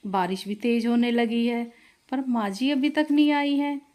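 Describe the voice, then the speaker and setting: A woman's voice: fairly high pitch, steady tone, moderate pace, darkish tone, natural voice. A woman voicing a caring, anxious young daughter-in-law in a storybook tale, speaking earnestly. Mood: worried.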